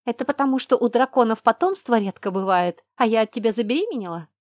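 A woman's voice: fairly high pitch, animated, fast, no room sound, pitched above the performer's own voice, lightly acted. A sulky young werewolf woman, put on by a woman reading a storybook, with a somewhat raised voice and a stubborn, tearful edge. She pleads and snaps in short outbursts. The sound is close and dry. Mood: defiant.

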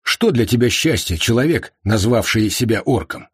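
A man voicing a calm, broad-shouldered man who speaks unhurried and slightly haughty. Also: medium pitch, slightly rough, no echo, clean studio sound. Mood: cool.

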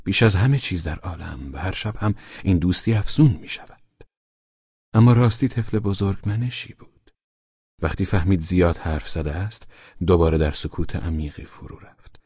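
A man narrating a novel as an audiobook in a measured, even manner, close to the mic. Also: deep voice, breathy edge, no echo, dull audio. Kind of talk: scripted literary narration.

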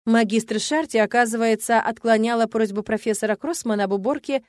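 A woman's voice: on the high side, fairly even intonation, a little fast, no room sound, natural voice. A woman voicing a dry, smirking male academy rector in a storybook reading.

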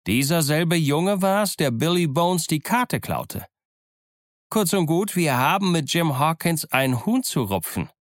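A man's voice: mid-range voice, expressive, a little slow, fairly bright tone, no room sound, clean studio sound. A man voicing a scheming old one-legged pirate captain who growls threats and mocks his crew. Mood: sly, scheming. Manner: growling threats, mocking and commanding. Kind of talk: audiobook character voice.

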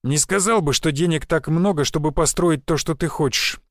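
A man reading plays a genial, burly sawmill owner with a booming low voice who speaks slowly and thoughtfully. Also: no room sound, clean studio sound, lightly acted. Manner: slow, thoughtful.

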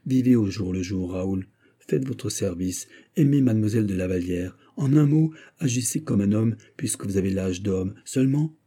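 A man's voice: lowish voice, expressive, warm tone, slightly rough. A man reading as a grave fatherly nobleman. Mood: tender. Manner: measured, solemn counsel. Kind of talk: audiobook character reading.

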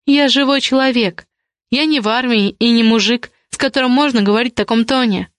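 A woman reading the lines of a defiant young woman, an indignant ward who argues with rapid questions. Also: a little high, no room sound, studio quality, lightly acted. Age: young adult.

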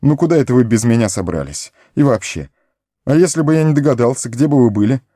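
A man's voice: lively intonation, fast talker, dark tone, no room sound, studio quality, close to an everyday voice. A man voicing a loyal, fretful young male hobbit servant in an audiobook, pleading and tearful in a raised voice. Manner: high pleading, sobbing, breathless. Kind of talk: audiobook character voice.

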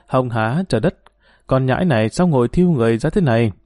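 A man voicing a brash, quick-tempered young woman who scolds and pleads with a friend. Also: medium pitch, lively intonation, a little mellow, no room sound, studio quality, natural voice. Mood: pleading.

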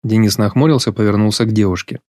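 Calm male audiobook narrator. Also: lowish voice, no room sound, studio quality. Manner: measured, even storytelling. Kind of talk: scripted literary narration.

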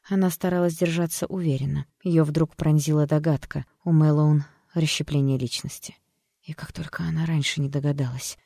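Measured audiobook narrator, dry sound. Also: medium pitch, no room sound. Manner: even, measured reading.

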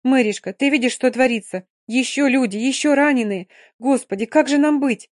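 A woman's voice: lowish voice, normal speed, a little mellow, no echo, clean studio sound, lightly acted. Woman voicing a breathless, anxious young nurse. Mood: panicked. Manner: breathless, pleading.

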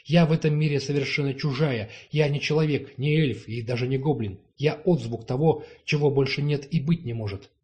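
A man's voice: medium pitch, fairly quick, few pauses, a little mellow, dull audio, natural voice. A man reading the lines of a proud, stubborn young woman in an audiobook, cold and formal. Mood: cool firm. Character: proud young woman who calls herself not human.

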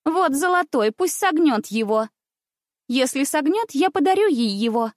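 A woman voicing a capricious, spoiled little princess girl who talks in a bright, bossy way. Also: sits high, animated, unhurried, no echo, clean studio sound, pitched above the performer's own voice.

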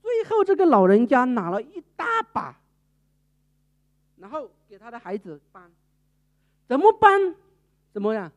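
A woman evangelist, preaching a sermon and telling a story with lively acted-out quotes. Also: fairly high pitch, moderate pace, long pauses, lo-fi sound. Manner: animated storytelling, acting out quoted people.

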